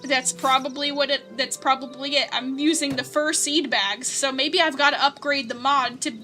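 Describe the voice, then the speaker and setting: A young woman with a high, bright voice chats her way through a game, giggling and reading out chat. Her talk is loose and bubbly. Soft game music plays underneath. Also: steady tone, normal speed. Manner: chatty and giggly, coos at pets. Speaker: gaming streamer.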